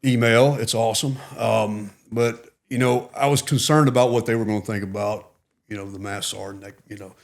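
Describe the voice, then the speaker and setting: A middle-aged retired Marine appears as a podcast guest in a casual interview, speaking earnestly and reflectively with lots of "you know" fillers. His voice is lowish, steady and gravelly, and he talks briskly.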